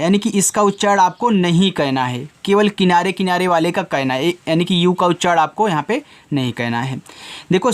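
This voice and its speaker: Patient man spelling out English words. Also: sits high. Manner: slow, patient spelling out of letters; addresses the learners as children. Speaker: English teacher. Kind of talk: spoken phonics lesson for children.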